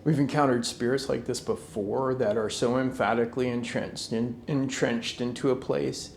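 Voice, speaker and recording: A man investigating the paranormal, speaking to a spirit in a firm, measured way. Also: mid-range voice, steady tone, gravelly, echoey room, slight background noise. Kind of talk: calm address to a spirit.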